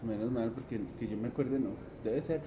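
A man's voice: medium pitch, fairly quick, noisy background. A man co-hosting a casual tech podcast, cracking jokes and bantering. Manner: wisecracking, banters. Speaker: podcast co-host.

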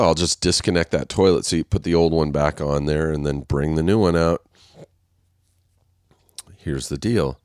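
Recording alone while he waits on a set, a podcast host talks in a low voice with clean studio sound and no room ambience. The show is casual and solo. He rambles and curses, mocks himself with frequent laughter, and his voice comes across congested and nasal.

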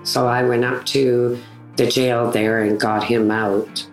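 Very low-voiced blunt woman in her sixties. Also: flat delivery, slow, reverberant, faint music behind, poor audio. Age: 60s. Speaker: interviewee, community member. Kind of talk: interview recounting.

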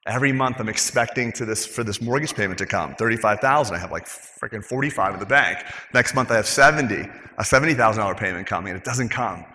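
A middle-aged man with a low, bright and forceful voice tells a candid personal story. He swears freely. The sound carries a long hall reverb. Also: animated, fast, hardly any pauses, slight background noise. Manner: candid, emotional, swears casually. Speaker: dentist, practice owner. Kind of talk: personal story told to a group.

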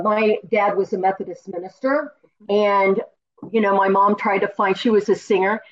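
A woman in her sixties who grew up in Colorado, a former dancer recalling her start in a relaxed, reflective way as a guest. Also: mid-range voice, highs cut off. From Colorado, USA. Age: 60s. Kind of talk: interview storytelling.

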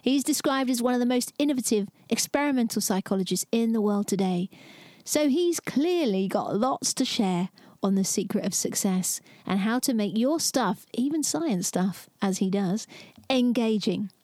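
A woman's voice: on the high side, animated, moderate pace, darkish tone, dry recording, studio quality. Chatty woman podcasting from inside a small trailer. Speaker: podcast host. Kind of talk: upbeat solo podcast monologue.

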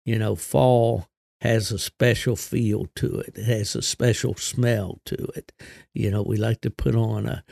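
An older man with a gravelly voice, hosting a solo podcast in a folksy, unhurried, conversational way. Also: fairly low pitch, steady tone, darkish tone, no room sound, clean studio sound. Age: 60s or older. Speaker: podcast host.

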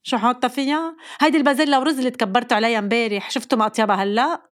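A nagging, bossy Lebanese mother, as a woman puts her on, firing off questions and scolds in a raised, higher voice at a brisk clip. She is fussy and relentless. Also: expressive. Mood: indignant. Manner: scolding rapid-fire questions.

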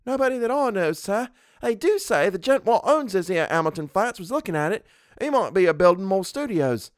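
A man's voice: sits high, very animated, fairly quick, no echo, clean studio sound, voice pushed up. A man voicing a young Cockney servant in a story, deferential and colloquial, by turns sheepish and indignant. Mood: disdainful. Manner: colloquial, deferential, full of sirs.

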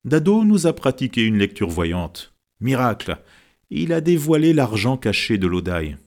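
A man's voice: medium pitch, very animated, moderate pace, a little mellow. A man voicing a cheerful, chatty male villager who talks enthusiastically and gossips. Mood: enthusiastic.

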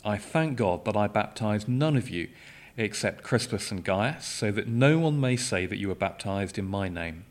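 A man reads a Bible passage aloud in church in a measured, solemn way. His voice sits somewhat low. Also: animated. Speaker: scripture reader. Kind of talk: formal Bible reading.

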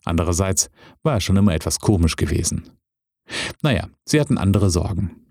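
Male narrator, lowish voice, steady measured parable reading, dry close mic. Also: dry recording.

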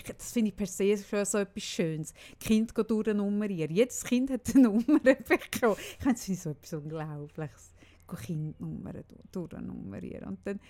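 A woman in her forties with a Swiss German accent, telling a story in casual chat and tagging her lines with "oder?". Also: medium pitch. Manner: animated storyteller, often tags lines with "oder?". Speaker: podcast co-host telling a story.

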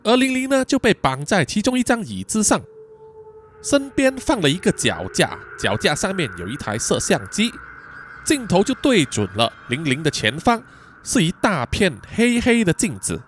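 A man's voice: sits high, a little hiss or hum. A man narrating a podcast thriller story in a dramatic storytelling manner. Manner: lively, dramatic storytelling with drawn-out particles. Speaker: storyteller host.

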